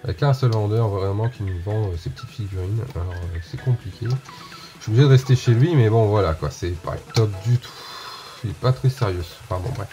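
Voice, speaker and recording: A man's voice: fairly low pitch, brisk, mellow, soft background music. A man hosting a casual unboxing vlog, chatting straight to his viewers and often repeating himself. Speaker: unboxing video host.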